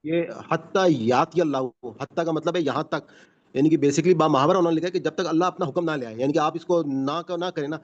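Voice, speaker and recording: A man teaching a Quran class over a video call, explaining patiently. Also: fairly high pitch. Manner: patient explaining, frequent "basically" and "yani ke". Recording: muffled video call audio.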